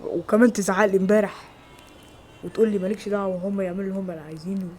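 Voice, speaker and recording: A man with an Egyptian Arabic accent acting several everyday roles in a homemade skit, with quick, exclamatory lines. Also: high-pitched, level tone, soft background music, natural voice. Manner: quick, loud, exclamatory dialogue. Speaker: amateur actor.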